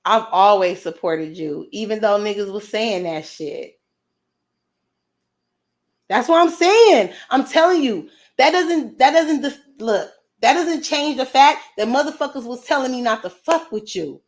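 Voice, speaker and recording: A woman's voice: on the high side, expressive, unhurried. A woman hosting a livestream, talking casually and confrontationally, brash and profane as she answers comments from her chat. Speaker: livestream host.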